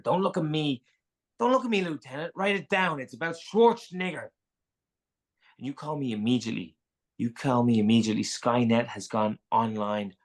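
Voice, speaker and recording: At a screenplay table read, an actor lightly plays a brusque, exasperated Navy admiral, barking halting, clipped orders. His voice is gravelly and husky, pitched in the middle range.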